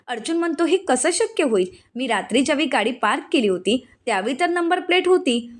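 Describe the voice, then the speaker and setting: Higher-pitched woman narrating a serial recap. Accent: Marathi. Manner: narrates plot and voices quoted lines in the same reading voice. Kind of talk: storytelling recap of a TV serial, reading all characters' lines.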